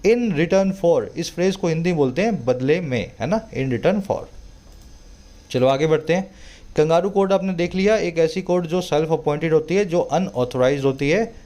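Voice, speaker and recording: A man teaching English in Hindi. He reads a newspaper editorial aloud slowly and explains each word, often asking the viewer rhetorical questions. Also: a little high, warm tone. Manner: explains word by word, slows sharply to read English passages. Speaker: English tutor.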